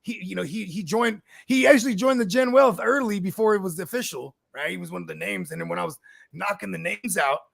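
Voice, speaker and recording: A man co-hosting a casual live stream, rambling through animated stories, swearing and often adding "you know what I mean". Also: sits high, brisk, creaky, husky, dry recording. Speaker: co-host, league commissioner.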